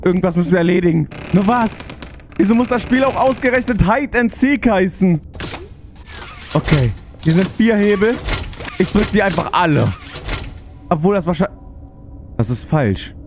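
A man's voice: high-pitched, expressive, moderate pace, pauses often. A man doing let's play commentary, chatting himself through puzzles and easily spooked. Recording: voice over game music.

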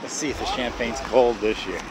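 A man's voice: medium pitch, a little fast. A man in his fifties chatting upbeat to a camera held at arm's length, outdoors on a beach, like a casual tour guide. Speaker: vlogger and sailing club member. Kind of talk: casual vlog narration. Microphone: phone camera held at arm's length. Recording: wind noise on an outdoor phone mic.

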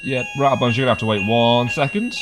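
A man's voice: medium pitch, fast talker, noisy background. A man giving playful, improvised gameplay commentary in a jokey, mock-dramatic manner. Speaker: gaming host.

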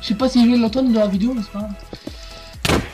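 A man's voice: very high voice, fairly even intonation, brisk, over music. A young man hosting a gaming video, chatting loosely and trash-talking his friend while he plays. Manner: rowdy trash-talking, swearing, laughing. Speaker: gaming channel host. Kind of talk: casual gaming chat.

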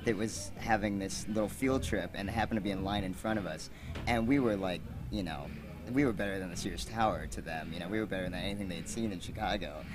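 Candid low-voiced man. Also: fairly quick. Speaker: interviewee.

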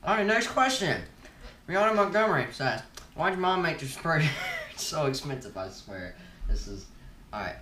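A man's voice: fairly high pitch, sing-song, normal speed, sharp tone, slight background noise. A teenage boy hosting a casual Q&A vlog, chewing gum and rambling laid-back with lots of fillers. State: chewing gum while talking. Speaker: YouTuber host. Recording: roomy echo, from a distance.

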